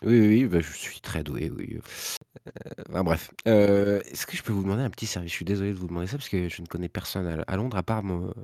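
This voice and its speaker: A man's voice: low voice, quick pace, gravelly, warm tone, dry recording, studio quality. A man playing flirty American socialite Elsa Kastner. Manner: chatty, coquettish, rambling.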